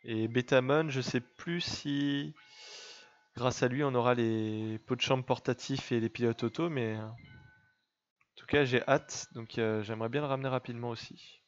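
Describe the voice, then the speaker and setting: A man's voice: medium pitch, fairly even intonation, moderate pace, muffled recording. Chatty young man narrating his gameplay. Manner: chatty, teasing his game pet, laughs often. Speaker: let's play gamer. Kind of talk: casual gameplay commentary.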